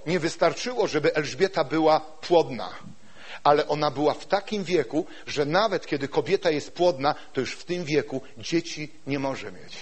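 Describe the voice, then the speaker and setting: A man preaching a sermon in an animated way, often putting rhetorical questions to the congregation. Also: fairly high pitch, husky.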